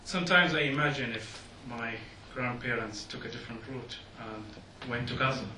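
A man's voice: mid-range voice, sharp tone, recorded from a distance, slight background noise. Earnest man speaking in an echoey hall. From Jordan. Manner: earnest, halting non-native English. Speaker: speaker at a public meeting. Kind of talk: public speech. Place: meeting hall.

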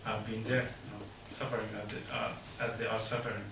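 A man's voice: on the low side, flat delivery, creaky, a bit bright, distant mic, slight background noise. Earnest man speaking in an echoey hall. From Jordan. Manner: earnest, halting non-native English. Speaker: speaker at a public meeting. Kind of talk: public speech. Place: meeting hall.

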